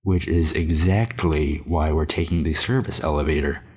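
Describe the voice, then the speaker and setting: A man voicing a calm, gentle male agent who leads the team, in a very deep and slow, measured voice. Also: husky.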